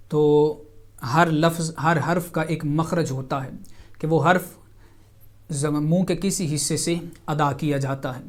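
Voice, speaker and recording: Man teaching tajweed on television. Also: a little high. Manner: patient, explains each term step by step; slows and stresses example words. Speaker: Quran recitation teacher. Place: television studio.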